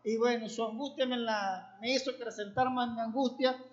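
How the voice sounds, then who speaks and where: A man's voice: very high-pitched, fairly even intonation, normal speed. A man, a pastor, giving an earnest, emotional sermon with a personal testimony. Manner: earnest and emotional, building to fervent exhortation. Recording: echoey room, dull lo-fi sound.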